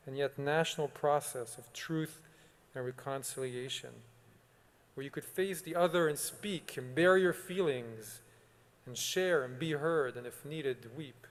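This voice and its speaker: A man, a rabbi, delivering a solemn, measured sermon with long pauses. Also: on the high side. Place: synagogue sanctuary. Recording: long reverb of a large sanctuary.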